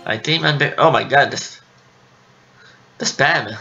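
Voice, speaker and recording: A man's voice: medium pitch, a little slow, creaky, highs cut off. A man giving casual commentary as he plays a video game. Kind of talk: casual let's play commentary. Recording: faint game music behind. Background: game music.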